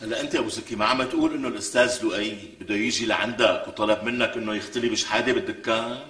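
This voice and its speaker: A conspiring Syrian neighbor, off-mic in a roomy space. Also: male voice, lowish voice, very fast, distant mic. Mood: conspiratorial. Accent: Syrian Arabic. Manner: animated, conspiratorial. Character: meddling neighbor hatching an eavesdropping plan.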